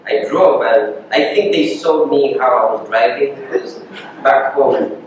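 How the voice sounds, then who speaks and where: African guy laughing through his own story, mid pitch, far off in a boomy hall. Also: a little slow, slight background noise. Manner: storytelling with laughter, acting out dialogue. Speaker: guest speaker sharing his story. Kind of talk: personal testimony. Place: church hall. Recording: echoey church hall from far off.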